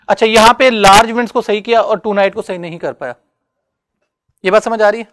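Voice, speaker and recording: A man's voice: high voice, a bit bright, dry recording. A man giving a classroom lecture, talking conversationally and often checking whether students follow.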